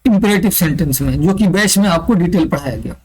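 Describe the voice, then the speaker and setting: A man's voice: high-pitched, expressive, quick pace, a little mellow, low-quality recording. A man teaching an online exam-prep English grammar lesson, explaining step by step and answering his own questions aloud. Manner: asks the class questions and answers them himself, repeating key terms.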